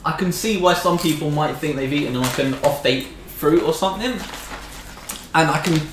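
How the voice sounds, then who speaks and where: A man's voice: a little high, normal speed. A man hosting a casual snack review in conversation. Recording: echoey room with background noise.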